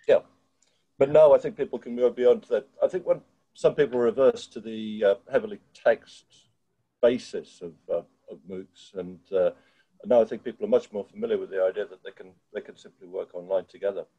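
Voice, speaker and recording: An older man thinks aloud on a video call, halting and restarting as he shapes each point. His voice is low, very dark and husky. He speaks into a headset, and the audio is lo-fi. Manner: thoughtful and halting, with many restarts. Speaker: participant in an online educators' discussion. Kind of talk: casual video-call discussion. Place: home room with bookshelves.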